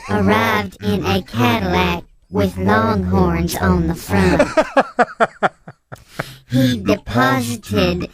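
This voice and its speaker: A performer playing an anonymous informant on a radio comedy bit, speaking through an electronically disguised voice with a slow, deadpan delivery. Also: mid-range voice, a crowd in the background. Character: anonymous tipster in hiding, deadpan and lurid.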